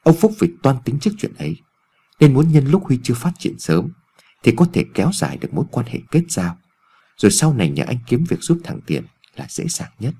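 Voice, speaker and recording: A man narrating a ghost story in an expressive storytelling reading. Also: medium pitch, a little fast, breathy edge.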